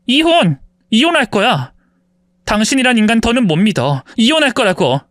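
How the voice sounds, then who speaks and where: A man's voice: very high-pitched, big pitch swings, moderate pace, fairly bright tone, dry recording, clean studio sound, heavily acted. A man voicing a betrayed wife in her forties who accuses her husband of cheating. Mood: indignant. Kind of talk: dramatized story reading.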